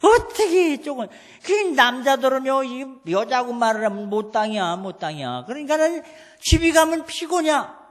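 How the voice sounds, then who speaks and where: A middle-aged pastor, preaching a folksy sermon and acting out scolding family scenes. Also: male voice, very high voice, big pitch swings, normal speed. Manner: acts out scolding voices, calls for the congregation to repeat after him. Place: church sanctuary. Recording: long church hall reverb.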